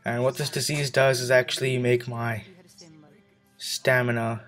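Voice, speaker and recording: A man's voice: mid-range voice, level tone, unhurried, fairly bright tone, faint music behind. Breathless young man commenting on gameplay. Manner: rambling, self-correcting, with many fillers.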